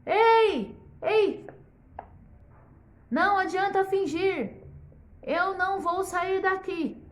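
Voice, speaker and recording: A woman's voice: sits high, steady tone, a little slow, pitched above the performer's own voice. A woman voicing a spoiled, bossy little king who demands and pleads in a children's story. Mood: demanding. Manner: demanding, shouting.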